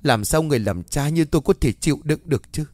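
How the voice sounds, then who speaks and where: A man voicing a gruff, hot-tempered old father. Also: a little high, expressive, fast talker, a little mellow, no room sound, voice pushed up, lightly acted. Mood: despairing. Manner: gruff and scolding.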